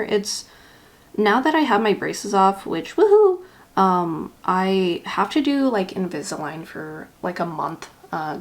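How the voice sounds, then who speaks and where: A woman with a slight lisp from wearing a retainer, rambling casually and a little self-consciously as she talks through ink swatches for a vlog. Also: mid-range voice. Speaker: YouTube vlogger.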